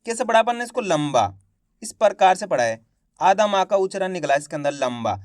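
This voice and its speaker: A man with a fairly high voice teaches reading in an online lesson. He asks questions, answers them himself, and repeats each syllable slowly. The sound is dry and close, with no room echo. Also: lively intonation. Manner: addresses viewers as friends, slow careful enunciation.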